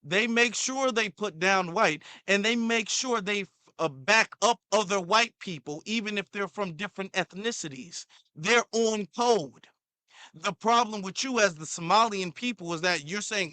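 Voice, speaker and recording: A man's voice: sits high, moderate pace, sharp tone, no room sound. A man hosting a commentary channel, reacting to a clip in a heated, repetitive way, sometimes stumbling over his words.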